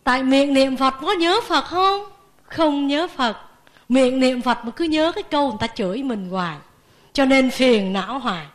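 A woman, a Buddhist nun, giving a lively sermon and asking the audience questions. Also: sits high, normal speed.

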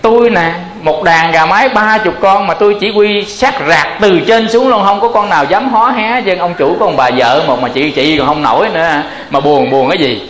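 A boastful, bossy folk-tale rooster, played by a man. The voice sits high and rings in an echoey room. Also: normal speed, few pauses, fairly bright tone. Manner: boastful, swaggering.

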